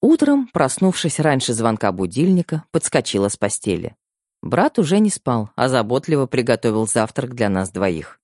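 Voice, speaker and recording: Expressive male audiobook narrator. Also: medium pitch, moderate pace, dry recording, studio quality. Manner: expressive storytelling.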